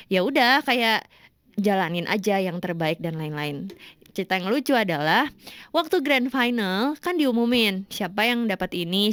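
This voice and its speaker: A young woman telling a personal story on radio in a casual, animated way, often laughing. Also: mid-range voice, dry recording. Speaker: guest. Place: radio studio.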